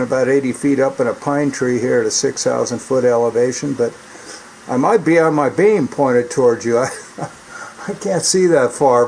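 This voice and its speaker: This is a medium-pitched American man, a CB operator who repairs radios as a hobby, rambling casually through a folksy demo. The recording is rough, with background noise plainly present.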